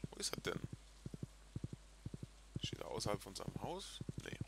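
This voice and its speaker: A chatty, excitable man hosting a video game let's play and talking casually to his viewers. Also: on the low side, normal speed, gravelly, very noisy. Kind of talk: casual gameplay commentary. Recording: game music in background.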